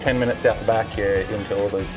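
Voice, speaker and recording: Fast, slangy man over loud music. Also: fairly low pitch, fairly even intonation. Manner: informal, slangy. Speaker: parts and accessories manager. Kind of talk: casual interview chat. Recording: loud guitar music and vehicle noise behind.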